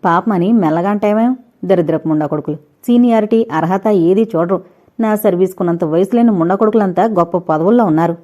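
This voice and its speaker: A woman's voice: fairly low pitch, fairly quick, mellow, close to an everyday voice. A woman voicing a boastful, quarrelsome middle-aged woman clerk who curses her juniors, in an audiobook. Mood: indignant. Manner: brash, cursing, boastful.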